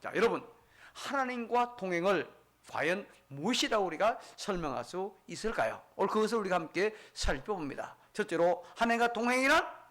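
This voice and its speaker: 높은 목소리의 중년 남성 목사 설교. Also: male voice, sits high, big pitch swings, a little fast, fairly bright tone. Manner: asks the congregation questions and answers them himself; storytelling with rising emphasis. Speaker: pastor. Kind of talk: sermon.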